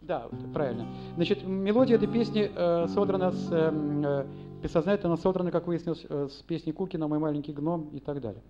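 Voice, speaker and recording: A man's voice: a little high, fairly quick, lo-fi sound, over music. A man from Saint Petersburg, a singer-songwriter, rambling and self-deprecating between songs at a live performance. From Saint Petersburg, Russia. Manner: rambling, self-deprecating, hums and sings snatches of tunes.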